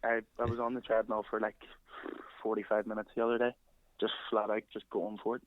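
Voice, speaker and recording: Man doing a rambling deadpan caller, monotone, lowish, dry, muffled. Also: fairly quick, dry recording, natural voice. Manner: rambling, flat and matter-of-fact. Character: deadpan unhinged male caller Robert. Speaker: prank caller.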